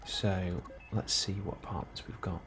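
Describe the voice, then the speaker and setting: In an ASMR role-play, a man with a very low, creaky voice plays a calm, helpful colony immigration officer. He speaks softly and without hurry, sometimes dropping nearly to a whisper, while steady ambient noise is clearly heard in the background.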